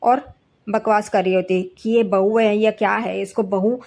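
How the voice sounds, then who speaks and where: A woman's voice: fairly even intonation, moderate pace, a little mellow. A woman casually narrating an episode recap in a conversational way. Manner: conversational, reads characters' quotes with slightly raised pitch. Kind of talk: casual spoken retelling of a TV serial episode.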